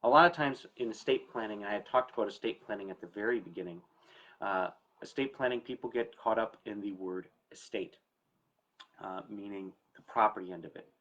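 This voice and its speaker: His voice sits on the low side yet sounds fairly bright, delivered fairly quickly through audio with the highs cut off. As host of a story time talk, this estate planning attorney explains things informally and emphatically to camera.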